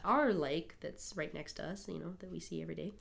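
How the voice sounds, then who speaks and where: A woman's voice: low-pitched, brisk, gravelly. A young woman from Minnesota co-hosting a podcast, chatty and bubbly with lots of fillers, her nose stuffed up from a cold. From Minnesota, United States. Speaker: podcast co-host. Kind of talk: casual chat.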